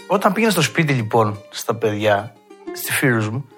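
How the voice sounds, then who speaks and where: A man with a Cretan accent, a mandolin player telling stories from his past and acting out old conversations in a lively way. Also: medium pitch, soft background music. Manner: lively storyteller who acts out past dialogue. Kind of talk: reminiscing storytelling.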